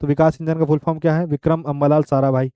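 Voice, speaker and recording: A man's voice: fairly high pitch, level tone, quick pace, clear, resonant tone, dry recording, highs cut off. Man lecturing step by step for exams. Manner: explains step by step, with frequent "ठीक है" checks. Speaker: teacher. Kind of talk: exam-prep lecture.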